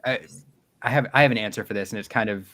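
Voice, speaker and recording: A man's voice: lowish voice, fast talker, sharp tone, no room sound. A man hosting a casual group chat over a video call, chatty and laughing as he tells stories. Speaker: livestream host.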